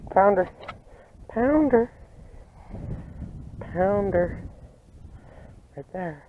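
A young man fishing at a pond bank, teasing his friend and calling out excitedly when fish bite. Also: a little high. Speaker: fishing vlogger. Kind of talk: excited outdoor commentary. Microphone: head-mounted action camera. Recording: tinny lo-fi camera audio with wind noise.

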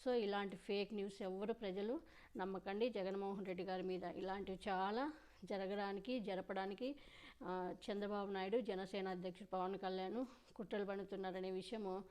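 A woman delivers political commentary in a smooth, clear voice. She talks insistently and circles back to the same warnings, with her pitch at an ordinary middle height for a woman. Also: fairly even intonation, normal speed, a little mellow.

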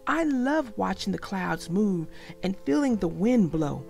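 A woman voicing a bold, playful young fox boy in a storybook, excited and grinning. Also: mid-range voice, a little slow, vocal fry, faint music behind.

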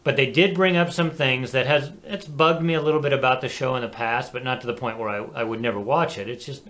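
A man co-hosting a casual talk show, animated and chatty, laughing easily. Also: mid-range voice, fast. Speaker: co-host. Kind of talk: casual chat.

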